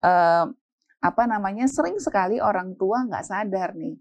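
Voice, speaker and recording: A woman giving casual parenting advice, animated and acting out parents' voices. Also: medium pitch, normal speed. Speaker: parenting expert guest.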